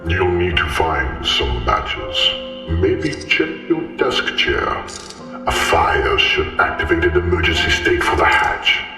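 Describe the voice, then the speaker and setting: A man playing a cryptic, ponderous informant in a video game, musing deliberately with a condescending edge. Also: low-pitched, wildly swooping pitch, full character voice. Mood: cryptic, instructing. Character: cryptic, ponderous male informant wired into a data network. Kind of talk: video game character acting. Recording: echoey room with music behind. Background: music.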